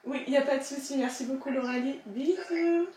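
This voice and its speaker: A woman's voice: high-pitched, little pitch movement, fast talker, a little mellow, slight background noise. A woman chatting casually to her camera in a vlog, laughing often and poking fun at herself. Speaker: vlogger. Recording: echoey room with music playing.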